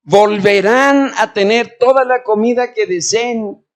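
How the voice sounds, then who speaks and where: A man preaching a sermon in church as pastor, asking the congregation questions and moving between loud and quiet delivery. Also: sits high, slow.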